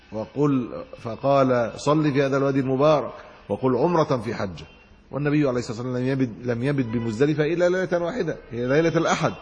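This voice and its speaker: A man's voice: mid-range voice, a little mellow, breathy edge, big-room sound. A man with an Egyptian Arabic accent teaching a religious lesson, reading classical commentary aloud and explaining it in colloquial asides. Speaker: Islamic scholar teaching hadith commentary.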